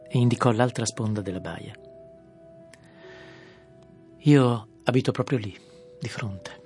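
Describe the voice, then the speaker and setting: A man reads a literary audiobook in a low, measured voice, often dropping soft and quiet. Gentle music plays faintly beneath his narration.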